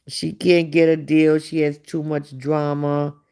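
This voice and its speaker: A woman's voice: low voice, level tone, unhurried, mellow, clear, resonant tone. A woman hosting a livestream, giving casual gossip commentary in a blunt, profane way and talking back to her viewers. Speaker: livestream host.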